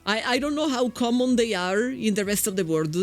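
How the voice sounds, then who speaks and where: A woman's voice: fairly high pitch, lively intonation, fairly quick, faint music behind. Chatty Italian woman streamer. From Italy. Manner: chatty, repeats words when starting sentences. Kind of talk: casual game commentary.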